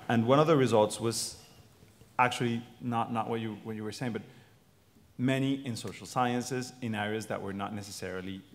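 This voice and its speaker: Man, panelist, gravelly, halting repetitions, long hall reverb. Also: lowish voice. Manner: hesitant, repeats words often while searching for phrasing. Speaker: panelist, political scientist. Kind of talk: answering audience questions on a panel.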